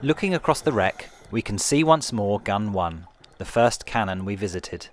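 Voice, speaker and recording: A man with a fairly low voice narrates a guided tour. He is calm and measured, explaining each point as a museum guide would. Noticeable watery background noise runs behind his scripted delivery. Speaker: tour guide narrator of a shipwreck dive trail.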